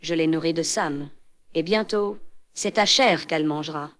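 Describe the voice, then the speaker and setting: A woman voicing a rotting undead woman in a horror story, with a raspy, guttural, hateful voice. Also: deep voice, normal speed, close to an everyday voice. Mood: menacing.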